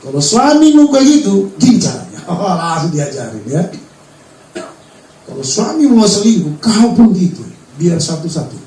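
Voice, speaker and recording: A man preaches a sermon with a high, lively voice that swings up and down as he fires rhetorical questions at the congregation. He is picked up from a distance in a roomy church hall, with faint ambient noise behind him. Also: normal speed. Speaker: pastor. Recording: roomy hall sound from far off.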